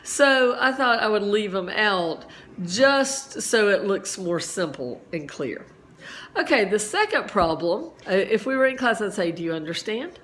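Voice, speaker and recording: A woman's voice: medium pitch, sing-song, a little slow, fairly bright tone. Chatty woman teacher walking through problems. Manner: chatty, explains step by step with asides. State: slight cough. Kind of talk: homeschool physics lesson.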